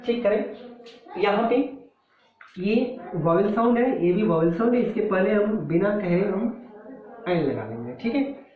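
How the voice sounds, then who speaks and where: A man teaching a grammar lesson in a slow, patient way, often checking whether his students have understood. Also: high-pitched, animated. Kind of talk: grammar lesson in Hindi and English. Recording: echoey room, tinny phone-like sound.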